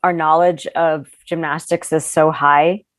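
A woman's voice: low-pitched, flat delivery, a little slow, no room sound. A woman coach talking as a podcast guest, earnest and thoughtful, with some hesitant restarts. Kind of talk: casual interview chat.

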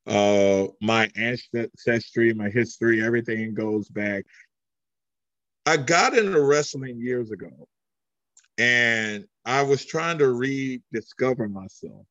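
A man who wrestles in a mask, answering interview questions with frequent halting restarts while searching for words. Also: mid-range voice, fairly bright tone, no room sound, lo-fi sound. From Greece. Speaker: masked wrestler.

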